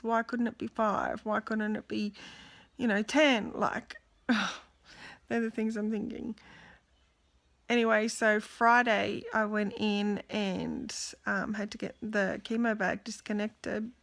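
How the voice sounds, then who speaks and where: A woman's voice: mid-range voice, fairly bright tone. A young adult woman, talking candidly and tiredly in a casual video diary, exhausted and emotional. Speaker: vlogger.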